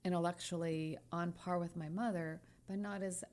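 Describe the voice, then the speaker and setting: This trial lawyer in her sixties co-hosts a podcast, speaking frankly and emphatically in a candid conversation and repeating phrases while she searches for words. Her voice is lowish and a little mellow, with fairly even intonation and a moderate pace.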